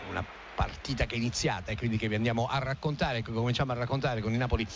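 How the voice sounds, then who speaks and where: A man's voice: mid-range voice, racing, lo-fi sound. A man giving live radio football commentary in an emphatic, dramatic, ornate way. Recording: loud stadium crowd noise behind voice. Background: stadium ambience.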